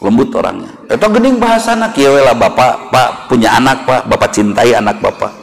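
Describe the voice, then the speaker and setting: A man with a Sundanese accent preaching a sermon in a mosque, lively and animated, acting out little dialogues with rising intonation. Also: mid-range voice, brisk, gravelly. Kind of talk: Islamic sermon.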